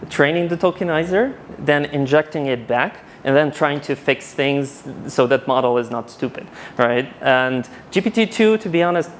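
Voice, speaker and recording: Animated man giving a conference talk. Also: mid-range voice, slight background noise. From Ukraine. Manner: animated, casual, many restarts. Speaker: conference speaker. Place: conference hall. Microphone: handheld mic.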